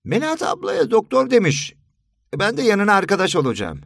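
Man doing a middle-aged housewife, chatty, brisk, practical, high-pitched, storybook. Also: wildly swooping pitch, gravelly, fairly bright tone, no echo, studio quality, heavily acted. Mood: plain.

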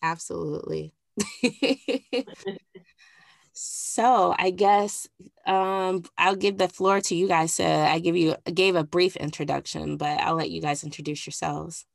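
Low gravelly-voiced woman podcast host. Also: fairly even intonation, a little slow, no room sound, clean studio sound. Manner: rambling, many fillers and likes. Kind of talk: casual podcast chat.

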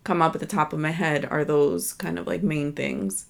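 A woman's voice: sits low, fairly even intonation, normal speed, gravelly. An American woman co-hosting a podcast with her husband, speaking in a thoughtful, agreeable way with many fillers. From United States. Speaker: podcast co-host. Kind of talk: casual chat.

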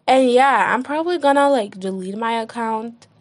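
A young woman hosting a casual solo podcast, rambling with lots of "like" and restarts, and acting out what others say in a higher voice. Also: normal speed. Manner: rambling, heavy use of "like", acts out quoted friends in a higher voice. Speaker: podcast host.

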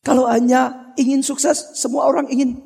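A man preaching a fiery sermon to the congregation in a husky, gravelly voice, in a reverberant hall. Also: very high voice, level tone, moderate pace, warm tone. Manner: fiery, addresses the congregation as saudara. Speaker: pastor.

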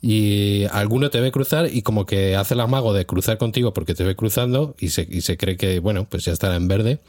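Low-voiced joking man with a Spanish accent. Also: brisk, darkish tone, no echo, studio quality. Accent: Spanish from Spain. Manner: joking, laughs between playful exaggerations. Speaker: podcast co-host. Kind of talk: casual chat.

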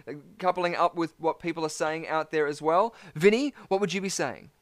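A man's voice: on the high side, brisk. A man hosting a live online quiz in a chatty, rambling way, full of fillers. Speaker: quizmaster.

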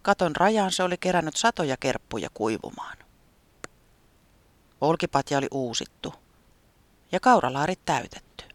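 A storyteller gently reading a children's story aloud, with an expressive, sometimes whispery delivery. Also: medium pitch, pauses often, dry recording.

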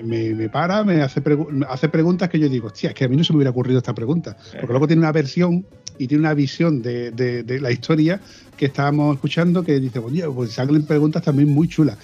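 A man from southern Spain co-hosting a podcast in casual chat, animated and acting out the lines he quotes. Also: fairly high pitch, slightly rough. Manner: animated, acts out quoted dialogue. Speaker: podcast co-host. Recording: dull lo-fi recording.

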